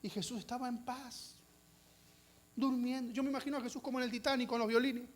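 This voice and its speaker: Male pastor preaching with fire, strikingly high-pitched, acts out voices and quizzes the congregation. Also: steady tone, a little fast. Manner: impassioned, acts out voices, rhetorical questions. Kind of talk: sermon.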